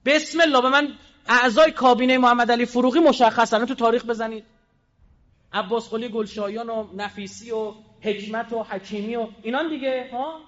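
A man giving a combative public speech, firing rhetorical questions and swinging between loud and quiet. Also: very high voice, steady tone, in a large hall, lo-fi sound. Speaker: public speaker.

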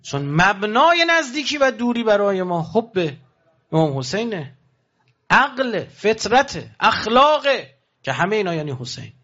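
Preaching a fiery sermon to pilgrims, a man fires off rhetorical questions and lets his pitch leap and plunge without warning. His delivery has a sing-song quality and a sharp edge, and the recording sounds lo-fi.

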